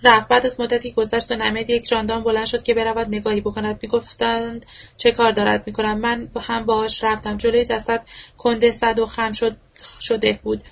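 A woman reads a novel aloud in a fairly high, narrow-ranged voice, bringing emotion to the quoted speech. The recording sounds dull and lo-fi. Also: monotone, vocal fry. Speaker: audiobook reader.

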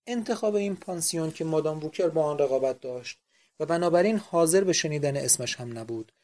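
A man narrating a classic novel in a measured, expressive reading. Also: on the high side. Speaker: audiobook narrator. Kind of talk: scripted literary narration.

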